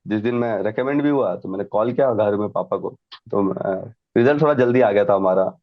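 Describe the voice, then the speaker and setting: A man's voice: lowish voice, a little fast, no room sound, phone-quality sound. A man telling stories as an interview guest, laughing often and mixing in English phrases. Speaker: guest, defence exam candidate. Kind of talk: casual storytelling chat.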